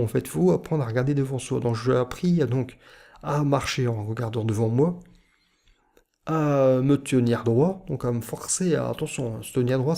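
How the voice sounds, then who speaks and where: A man's voice: medium pitch, creaky, warm tone. A man from northern France with a northern French accent, giving rambling, hesitant self-help advice in a casual YouTube monologue. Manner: rambling, hesitant, many fillers and restarts.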